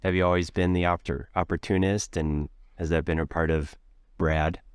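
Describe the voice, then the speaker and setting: A man's voice: deep voice, fairly even intonation, normal speed, clean tone, no room sound, clean studio sound. A man hosting a podcast, interviewing his guest in an upbeat, encouraging way. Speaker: podcast host. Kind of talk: casual interview conversation.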